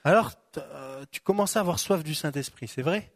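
A man preaching a lively sermon as a pastor, who gets fired up and shouts out the voices of temptation, then turns quiet and gentle to lead prayer. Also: fairly high pitch, a little fast, dry recording, studio quality. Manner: animated, shouts acted-out inner voices, then calms to soft prayer talk.

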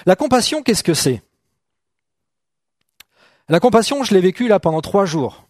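A middle-aged man delivers a sermon in a relaxed, conversational way, often asking "d'accord?" and joking with the people in front of him. His voice sits a little high for a man, and the sound is dry and close. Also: unhurried, no echo. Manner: conversational, checks in with "d'accord?", jokes with the congregation. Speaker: preacher. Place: church hall.

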